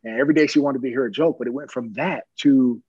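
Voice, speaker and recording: A middle-aged police officer telling personal stories in an interview, earnest and plain-spoken, often chuckling. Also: male voice, medium pitch, quick pace, dark tone, husky, no echo, highs cut off.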